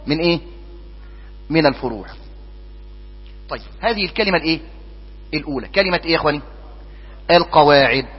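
A man with an Egyptian accent teaches in a high, breathy voice, prompting his class and then answering for them. The recording is muffled and lo-fi. His voice rings out with a long reverb through a lecture hall, and a mains hum runs underneath. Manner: asks the class questions and answers them himself. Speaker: teacher of Islamic jurisprudence. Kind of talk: classroom lesson.

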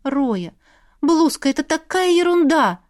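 Woman doing a lively young heroine. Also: high-pitched, measured pace, voice pushed up. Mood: affectionate. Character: spirited young heroine, the eldest sister.

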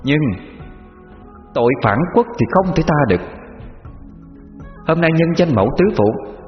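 Man voicing a regal mother goddess, stern, commanding, higher than his own voice, muffled, long reverb. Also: expressive, measured pace, soft background music. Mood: stern scolding. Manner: commanding, scolding.

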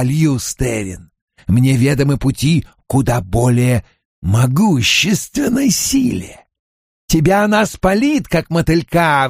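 A man playing a cruel dark lord in an audiobook, commanding and menacing, drawing out his words to tempt his prey. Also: medium pitch, vocal fry, husky, no echo, studio quality, heavily acted. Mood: menacing, mocking. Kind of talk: dramatic audiobook character voice.

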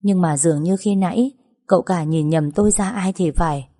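Woman reading a story in a low, mellow voice. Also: normal speed. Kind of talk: first-person story reading.

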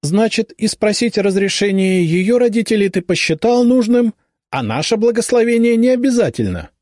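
Guy doing a bossy high-voiced noble mom, scolding, dry close audio. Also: animated, moderate pace, a little mellow, no echo. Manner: reproachful, imperious. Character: stern high-born mother, sharp and scolding.

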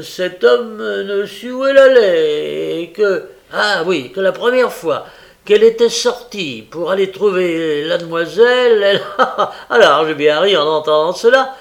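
A man's voice: high-pitched, expressive, measured pace, creaky, pitched above the performer's own voice, full character voice. A man reading aloud and voicing a sly, lazy young male informer who drawls and hesitates. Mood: smug drawl. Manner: drawling, hesitant, rustic speech.

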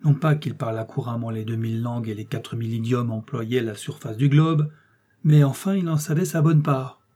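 A man narrating an audiobook in a measured, wry storytelling manner. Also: mid-range voice, warm tone. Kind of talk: scripted narration.

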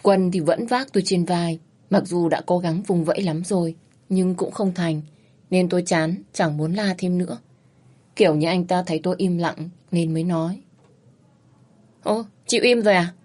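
Woman reading a first-person story out loud, lively and expressive. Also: fairly low pitch, moderate pace. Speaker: narrator.

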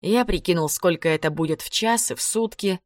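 A woman narrating a novel in a calm, even storytelling manner. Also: fairly low pitch, fairly quick, no echo, clean studio sound. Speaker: audiobook reader. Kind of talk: scripted narration.

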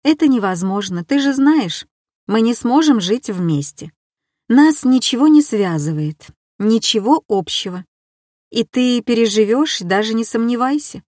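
A woman's voice: on the high side, expressive, a little slow, darkish tone, dry recording, clean studio sound. A woman reading an audiobook and voicing a weary, bitter woman who reproaches her lover with probing questions. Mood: cool.

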